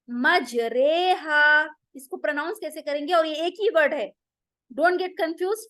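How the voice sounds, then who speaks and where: A woman teaching Quran recitation rules, explaining patiently and drilling pronunciations slowly, one sound at a time. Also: sits high, fairly bright tone, no room sound. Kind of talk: online tajweed lesson.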